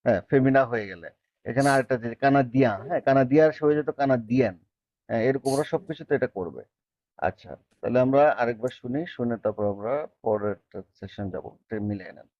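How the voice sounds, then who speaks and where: A man's voice: mid-range voice, quick pace, no room sound, lo-fi sound. A man teaching beginner French, explaining patiently and repeating phrases to check that students follow. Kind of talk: language lesson explaining in Bengali.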